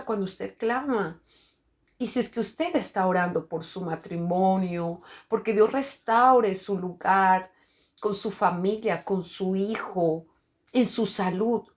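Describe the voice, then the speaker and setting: A woman's voice: medium pitch, a little mellow. Woman preaching an earnest sermon. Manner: earnest, preaching directly to the listener. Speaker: pastor.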